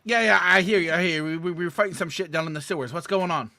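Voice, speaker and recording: A man's voice: high-pitched, very fast, bright, forceful tone, no echo. A man playing a tabletop game on a podcast, crude and joking in casual banter. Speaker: player. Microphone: podcast microphone.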